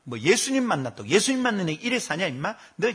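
A man's voice: high voice, very animated, fast talker, a bit bright, breathy edge, full character voice. A man voicing Satan as a sneering accuser. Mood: mocking. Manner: mocking, jeering.

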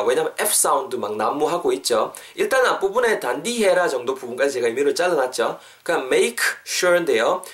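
A young man hosting a podcast English lesson, explaining phrases and then repeating them slowly for listeners to drill. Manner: lively, upbeat coaxing with sudden pitch lifts. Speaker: English teacher podcast host.

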